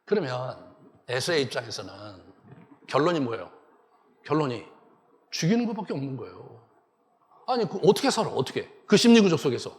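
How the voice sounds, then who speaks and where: A male pastor giving a sermon and telling the story in a lively way, acting out the characters. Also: medium pitch, fairly quick, pauses often. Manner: animated storytelling, acts out the characters. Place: church sanctuary. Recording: long church hall reverb.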